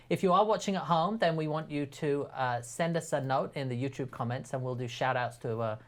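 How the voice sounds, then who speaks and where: A man hosts a live web show, upbeat yet stumbling over his words while announcing news and introducing guests. His voice is medium-pitched and creaky.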